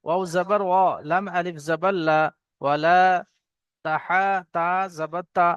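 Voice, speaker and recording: A man teaching Quran recitation to students, spelling out each letter and vowel and then chanting the verse slowly. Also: sits high, fairly even intonation, clean tone, dry recording. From Bengal.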